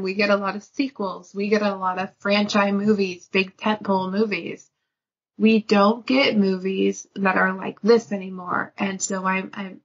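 A woman's voice: medium pitch, breathy edge. Giggly chatty woman podcast host. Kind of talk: casual podcast chat. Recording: dull lo-fi podcast audio.

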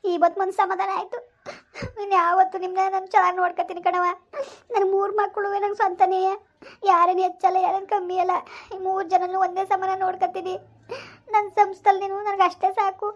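A woman's voice: very high voice, flat delivery, fairly quick, muffled recording. A woman acting a remorseful village stepmother who begs her stepdaughter to forgive her, in an amateur family drama. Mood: relieved. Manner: pleading, repetitive, rural colloquial speech.

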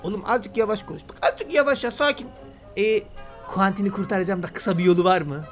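A man talking excitedly and casually while he plays a game and comments on it. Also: high-pitched, brisk, faint music behind. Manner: chatty, excitable, slangy banter. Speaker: gaming YouTuber. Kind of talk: let's play commentary.

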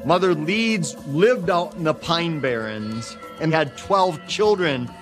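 A man's voice: on the high side, lively intonation, slow. A middle-aged man giving storytelling commentary in a studio documentary interview. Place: indoor studio. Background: music.

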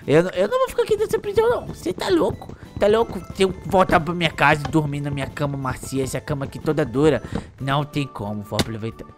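A man's voice: on the high side, big pitch swings, fast, over music. A man voicing a bratty, easily stressed little boy with a whiny, panicky manner and cheeky insults, in a Minecraft role-play. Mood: scheming.

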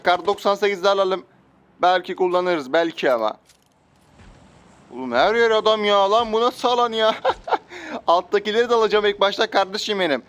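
High-voiced man taunting in game commentary. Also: fairly bright tone. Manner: taunts enemies and chats to viewers. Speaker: gaming YouTuber. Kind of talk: live gameplay commentary.

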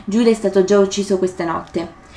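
A woman's voice: mid-range voice, fairly even intonation, brisk, mellow, faint music behind, lightly acted. A woman voicing a cold, calculating Roman governor, in a roomy room. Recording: roomy echo.

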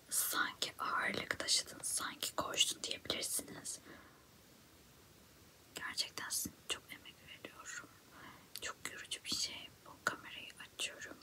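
A young woman performs a whispered role-play in a quiet, late-night hush. She acts out a smug, self-absorbed ASMR girl, full of self-praise and theatrical grumbling, all in breath with no voiced tone. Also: natural voice. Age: young adult. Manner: self-admiring, theatrically complaining. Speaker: ASMR creator. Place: small indoor room.

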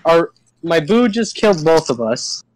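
A man chatting casually while playing a video game with a friend, giving laid-back, deadpan replies and swearing. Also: on the high side, slow pace, rough recording. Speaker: gamer. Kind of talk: casual gaming chat.

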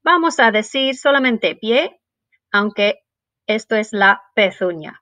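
A woman teaching a bilingual music lesson to young children, switching between English and Spanish and speaking slowly and clearly. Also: mid-range voice, lively intonation, pushed and bright, no room sound. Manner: sings and chants rhythm words.

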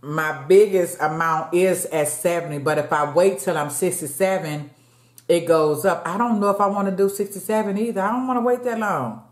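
Seated at a table in a dimly lit home, a woman in her late fifties eats and makes easy conversation with viewers she calls y'all. She speaks at normal speed with a lowish voice, and the reverberant audio comes from a fixed camera opposite her.

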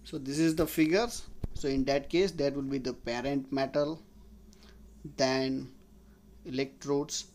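A man's voice: medium pitch, fairly even intonation, unhurried, pauses often, darkish tone, slight background noise. A man, giving a slide lecture as an engineering tutor and explaining step by step while restating his points. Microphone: voice-over on slides.

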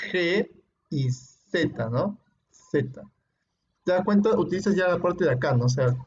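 A male teacher with a high voice walks his students through phonetics, sounding out each consonant slowly and checking in with a quick question after nearly every phrase. He praises his students warmly when they answer. The recording is muffled and lo-fi, with a faint hiss and occasional clicks underneath. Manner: explains patiently and often ends phrases with "¿no?"; demonstrates sounds by repeating them slowly. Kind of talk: classroom lecture.

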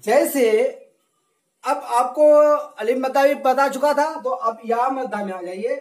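A male religious studies teacher giving a recorded lesson, slowly drilling rules with repeated questions and answers. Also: very high voice, roomy sound, low-quality recording. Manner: slow, repetitive drilling with call-and-response questions.

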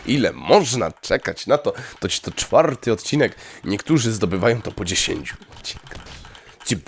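A young man giving casual gameplay commentary, chatty and excitable, breaking into sudden high yelps when thrilled. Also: normal speed, creaky, a little hiss or hum. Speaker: let's play gamer.

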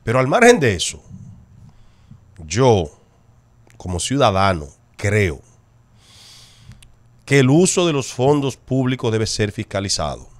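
A man's voice: mid-range voice, wildly swooping pitch, a little slow, pauses often. A Dominican man co-hosting a talk show, giving his opinion emphatically and repeating points for stress. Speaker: show co-host.

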